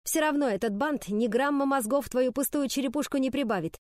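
A woman's voice: high-pitched, fairly quick, a little mellow, no room sound, studio quality, voice pushed up, close to an everyday voice. A woman voicing a mocking schoolgirl with a cutting, taunting manner. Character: mocking, sharp-tongued schoolgirl.

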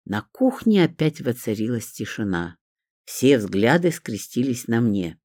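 An audiobook reader narrating a first-person story in an expressive, lively style. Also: mid-range voice, measured pace, dry recording, studio quality.

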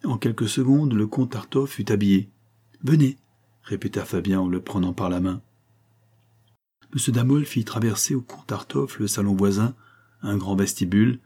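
Husky low-voiced male audiobook narrator. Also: dark tone.

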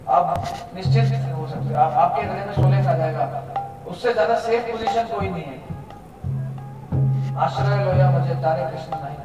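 High-voiced man in an echoey hall. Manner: earnest, storytelling, mixes English words. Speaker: devotee speaker. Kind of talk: devotional talk. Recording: distant mic, echoey hall, music behind.

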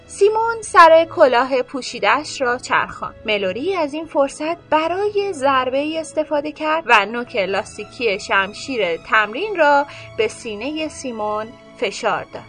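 A woman hosting a radio program, reading a bedtime story aloud in an expressive manner. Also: high voice, few pauses, soft background music. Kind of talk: scripted bedtime story narration.

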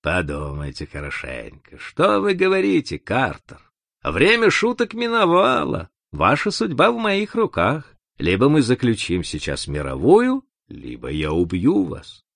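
A man's voice: mid-range voice, huge pitch swings, measured pace, creaky, fairly bright tone, no room sound, exaggerated voice. A man voicing a cunning, cruel male criminal who speaks in a cold, menacing way in an audiobook reading.

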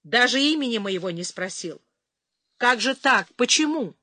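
A woman's voice: animated, moderate pace, no echo, clean studio sound. A woman reader voicing a young female captive who pleads and bristles with defiance. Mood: indignant. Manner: pleading, turning to shrill shouting.

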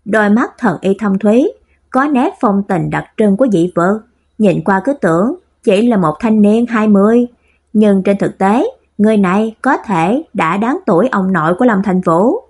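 A woman narrating a storybook in a steady, even reading voice. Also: medium pitch, normal speed, breathy edge. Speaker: audiobook narrator.

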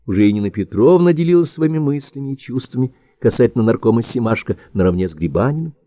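A man reading an audiobook in a measured, expressive storytelling manner. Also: mid-range voice, no echo. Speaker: audiobook narrator. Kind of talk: audiobook narration. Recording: dry, dull-sounding audiobook recording.

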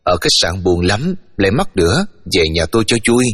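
A man's voice: deep voice, very animated, moderate pace, exaggerated voice. A man voicing a cheerful, chatty local woman in a story reading. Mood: friendly. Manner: warm and chatty. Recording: reverberant room, faint music.

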